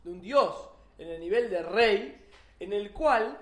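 A man's voice: high voice, lively intonation, slow. A man with a Rioplatense Spanish accent teaching a Torah class, explaining ideas and asking the students questions. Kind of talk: religious class. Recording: echoey room.

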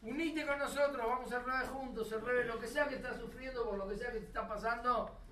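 A man's voice: very high voice, steady tone, brisk, fairly bright tone, voice pushed up. A man playing a cheery, coaxing pilgrim. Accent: Rioplatense Spanish. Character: cheerful male pilgrim urging a stranger. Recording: roomy, distant and noisy.

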